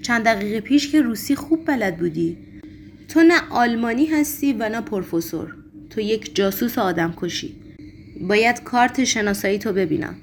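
A woman reading a storybook voices a frantic, agitated young male poet who shouts accusations. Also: on the high side, lively intonation, creaky, slight background noise. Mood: angry. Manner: raised, urgent, accusing delivery.

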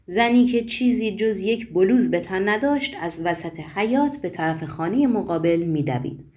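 Audiobook narrator: woman, mellow warm tone, measured steady reading. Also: medium pitch. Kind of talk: storybook narration.

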